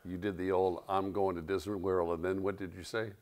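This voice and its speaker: Host, male, slightly low voice; relaxed interviewer who jokes with the guest. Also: fairly quick. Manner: joking, easygoing. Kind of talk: on-stage interview. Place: stage event before an audience.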